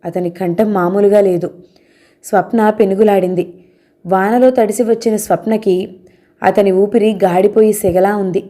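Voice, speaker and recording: A woman reads a romance novel aloud as its narrator. Her delivery is steady and measured, and her tone is mellow at a middle pitch. Every line is plainly told.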